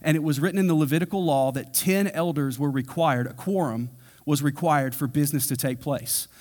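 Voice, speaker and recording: Guy preaching a sermon, chatty and casual, does little voices for the quotes, slightly high-pitched. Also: fairly quick, a little mellow. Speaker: pastor. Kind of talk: expository sermon.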